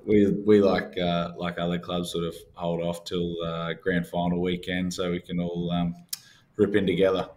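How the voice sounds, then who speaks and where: A man's voice: sits low, flat delivery, moderate pace, darkish tone. An Australian man being interviewed casually, speaking in a hesitant, understated way over faint background noise. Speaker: rugby club captain, guest.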